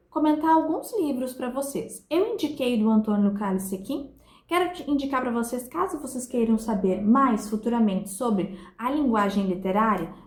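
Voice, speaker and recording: A Brazilian woman teaching a literature review class, reading verses aloud slowly and counting their syllables one by one. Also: a little high, darkish tone, roomy sound. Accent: Brazilian Portuguese. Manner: didactic, slows down to read and split verses syllable by syllable. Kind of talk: recorded class review lesson.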